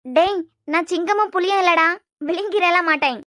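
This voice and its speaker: A woman's voice: extremely high pitch, fairly quick, sharp tone, no room sound, clean studio sound. A woman voicing a shrewd, teasing middle-aged mother. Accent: Kanyakumari Tamil. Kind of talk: cartoon serial dubbing.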